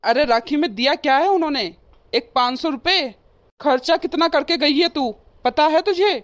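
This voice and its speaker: A woman voicing a teasing, short-tempered grown brother in a cartoon, in a fairly high voice. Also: normal speed, close to an everyday voice. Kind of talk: cartoon voice acting.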